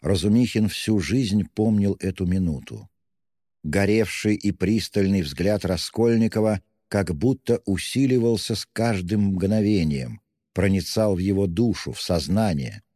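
Male audiobook narrator, deep and dark, measured delivery, long reverb. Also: clean studio sound. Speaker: audiobook reader. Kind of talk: scripted literary narration.

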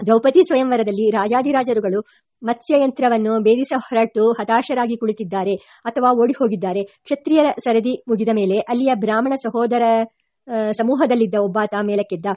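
A woman reading a memoir aloud as an audiobook, at a steady pace that slows for the verses and quoted speech. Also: a little high, no echo, studio quality. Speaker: audiobook reader. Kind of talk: read-aloud memoir narration.

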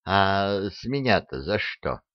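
Brief: male narrator as a grumpy spymaster, low grumble, lo-fi audiobook. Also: big pitch swings, takes it slowly, no room sound, exaggerated voice. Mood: grumbling. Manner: grumbling, sulky. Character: grumpy stingy male chief of secret police.

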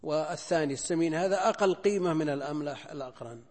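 An older man lectures on a classical text, slowly weighing alternatives and repeating his points. His voice is a little husky. The sound carries the long reverb of a large hall. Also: on the high side, darkish tone. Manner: deliberate, repeats phrases and weighs options aloud. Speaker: Islamic scholar teaching hadith. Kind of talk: recorded lecture explaining a hadith text.

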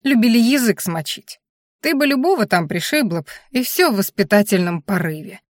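Brief: woman voicing nosy exclaiming old grandmother, audiobook, mid pitch, dry. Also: big pitch swings, a little fast, dry recording, close to an everyday voice. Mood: excited. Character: lively meddling old grandmother, loud and excitable.

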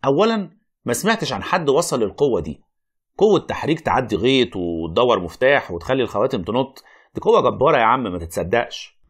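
A man's voice: medium pitch, sing-song, fast, husky. An actor playing a wry, reluctant, learned Egyptian man who argues, explains and narrates in a radio play. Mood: explaining.

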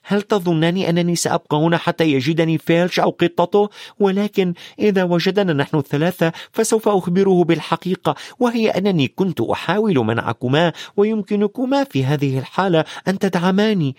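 A man's voice: high-pitched, animated, brisk, darkish tone, no echo, studio quality, pitched above the performer's own voice. A man voicing a bossy know-it-all schoolgirl who scolds in urgent hisses, for an audiobook. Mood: insistent. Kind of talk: audiobook character voice.

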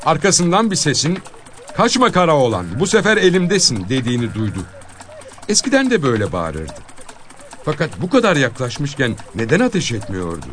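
A man reading a short story aloud in an expressive, dramatic storytelling manner. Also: on the high side, slight background noise. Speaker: narrator.

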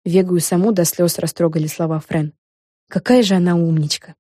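Brief: woman reading a children's audiobook, mellow and lowish, dry close sound. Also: fairly even intonation, a little fast, dry recording. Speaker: narrator.

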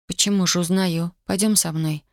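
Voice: mid-range voice, fairly even intonation, moderate pace, darkish tone, no echo, lightly acted. A reader voicing a stubborn young woman grieving in wartime, in a dry studio audiobook recording. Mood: cold. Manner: cold, insistent, pleading. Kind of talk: audiobook character voice.

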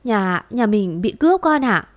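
A woman's voice: medium pitch, sing-song, unhurried, dry recording. A woman playing a timid, tearful older mother. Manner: pleading, quavering.

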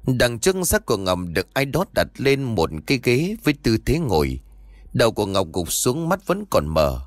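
A man's voice: lowish voice, no echo. A man narrating a horror story in a dramatic, suspenseful way, recorded close to the mic.

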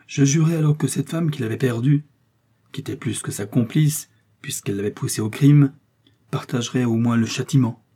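A man playing a stern, solemn male executioner who tells his story gravely in an audiobook. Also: mid-range voice, dark tone, natural voice. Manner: grave and measured.

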